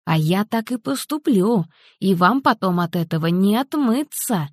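A woman reading an audiobook, voicing a determined grandmother in her sixties who speaks quietly, measured and firm. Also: medium pitch, lively intonation, no room sound, studio quality. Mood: steely. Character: determined grandmother, cold and steely.

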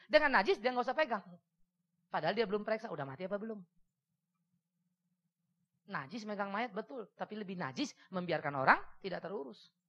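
A woman preaching a sermon in a lively, humorous way, acting out the voices of people in the stories. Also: mid-range voice. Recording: dull lo-fi sermon recording.

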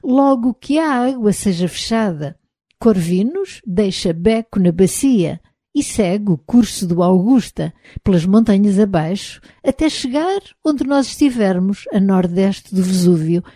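A woman voicing a brisk young Roman engineer. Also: medium pitch, animated, dark tone, dry recording, clean studio sound. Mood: commanding. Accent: European Portuguese. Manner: brisk giving orders. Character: young male Roman engineer, commanding and impatient.

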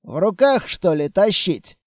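A man voicing a gruff, grumbling soldier who scoffs at his comrades, a bit louder than his narration. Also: high-pitched, sing-song, unhurried, no echo, studio quality. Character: gruff grumbling male soldier, middle-aged.

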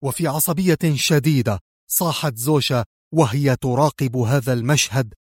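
A man narrating a spy thriller audiobook in a steady, tense storytelling manner. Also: medium pitch, moderate pace, husky, dry recording, studio quality.

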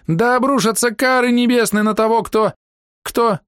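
A man voicing a shrill, squeaky young female thief who shouts indignantly from hiding in an audiobook. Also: normal speed, clear, resonant tone, no echo, studio quality. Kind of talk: audiobook character voice.

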